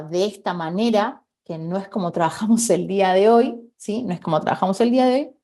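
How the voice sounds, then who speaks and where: A woman's voice: medium pitch, darkish tone. A woman with a Rioplatense Spanish accent teaching a live online painting class, explaining step by step and checking in with her students. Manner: explanatory, thinking aloud with tag questions.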